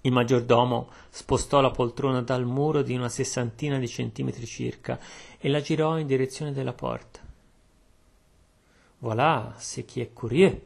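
A man reading a story aloud in steady first-person narration. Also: medium pitch, normal speed, creaky. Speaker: audiobook narrator.

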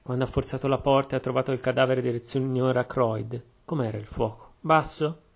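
A man voicing a shrewd, calm Belgian detective who speaks in a measured, deliberate way. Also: medium pitch, gravelly. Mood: calm, probing.

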